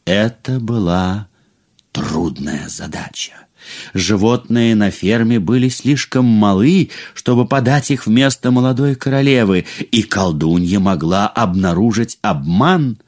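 A man reading a fairy tale aloud in an expressive, scripted storytelling style. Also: lowish voice, measured pace.

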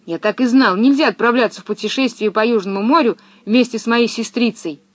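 A woman's voice: fairly high pitch, measured pace, fairly bright tone, no echo. A woman voicing a cross, impatient young boy in a storybook reading, bossy and grumbling. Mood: annoyed.

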